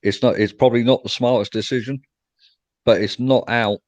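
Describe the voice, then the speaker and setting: A man's voice: medium pitch, fairly even intonation, fairly quick, darkish tone, no echo, lo-fi sound. A young man hosting a casual fan chat after a match, reading out viewer comments and answering them. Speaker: fan show host.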